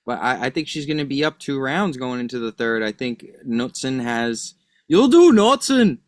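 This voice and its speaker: A man's voice: medium pitch, fairly even intonation, normal speed, a bit bright, smooth, dry recording, clean studio sound. A man who works as a betting analyst, chatting casually and arguing his picks with lots of hedging. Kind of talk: casual chat.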